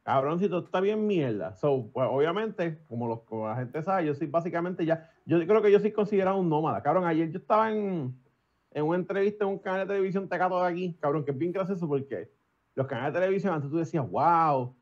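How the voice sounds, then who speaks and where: A man's voice: on the high side, quick pace, highs cut off. A young man telling stories in casual podcast chat, swearing often and mixing in English. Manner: profane, animated, switches into English. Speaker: podcast guest.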